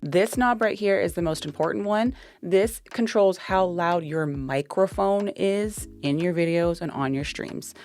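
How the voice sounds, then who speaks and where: A woman's voice: on the low side, measured pace, few pauses, darkish tone. A young woman giving a casual, chatty product walkthrough into a dynamic podcast mic, with plenty of fillers. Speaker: tech reviewer.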